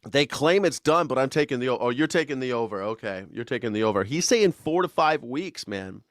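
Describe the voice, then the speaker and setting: Mid-range in pitch, animated and brisk, a man in his 40s rants casually about politics for laughs on his live stream. The sound is dry and close with no room tone, and his delivery wanders, sarcastic and profane, as he reads chat comments aloud.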